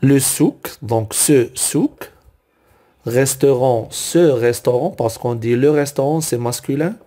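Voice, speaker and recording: Slow, patient male French teacher. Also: mid-range voice, warm tone. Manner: patient, repeats each word aloud, corrects own slips. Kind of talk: slow explanatory grammar lesson.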